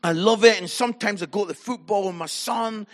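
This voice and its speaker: Scottish man, middle-aged pastor, comic sermon anecdotes, animated delivery, high pitch. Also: brisk. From Scotland. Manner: animated, acts out voices and shouts in stories. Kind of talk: humorous sermon storytelling.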